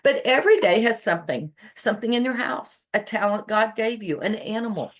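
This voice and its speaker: A woman of middle pitch hosts a homeschool show in a casual teaching talk. She sounds encouraging and practical as she walks through printables she holds up for the camera. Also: expressive, brisk. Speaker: podcast host. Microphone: video recording.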